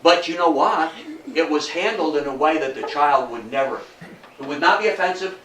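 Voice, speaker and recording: An older man lectures informally on history before an audience in an indoor room, keeping it folksy and chatty with rhetorical questions. His fairly bright voice runs on the high side at a moderate pace, recorded roomy and distant with faint noise.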